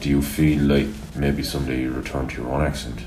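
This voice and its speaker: Very deep-voiced Irish man interviewing. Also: little pitch movement, brisk, a little mellow, echoey room. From Ireland. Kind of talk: conversational interview questions.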